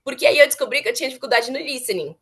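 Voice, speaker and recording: A woman's voice: high voice, lively intonation, racing, a crowd in the background. A young woman chatting earnestly as an interviewee, repeating words for emphasis. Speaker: former student interviewee. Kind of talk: casual interview chat.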